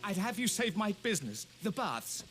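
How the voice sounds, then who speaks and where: An actor playing a desperate, pleading bathhouse owner in a video game. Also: male voice, high voice, big pitch swings, normal speed, a bit bright, soft background music. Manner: pleading, anxious. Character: desperate middle-aged male bathhouse owner.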